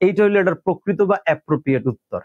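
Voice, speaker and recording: A young man with a colloquial Bangladeshi Bengali accent runs a live online exam-prep lesson. His voice sits a touch high and is recorded close and dry. He explains each step patiently, calls his students "bhai" and reads out their names as he goes. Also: expressive, rapid-fire, dry recording, phone-quality sound. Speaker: teacher.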